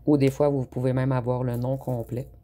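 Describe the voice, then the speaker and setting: A tarot reader, giving an unhurried spoken reading with frequent hesitant pauses. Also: medium pitch, flat delivery, mellow, a little hiss or hum.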